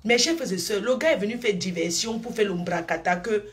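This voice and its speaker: This middle-aged woman streamer talks briskly in a medium-pitched voice with lively intonation. She gushes and rambles through her live-stream chat, calling viewers endearments and drifting between affectionate asides and gossip.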